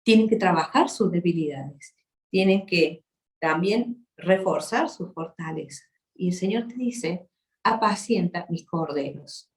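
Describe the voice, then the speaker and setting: A woman's voice: on the low side, measured pace, darkish tone. A woman, preaching to a women's church gathering with passion and tenderness and sudden shifts in volume. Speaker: guest speaker at a women's church meeting. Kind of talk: sermon. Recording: echoey hall.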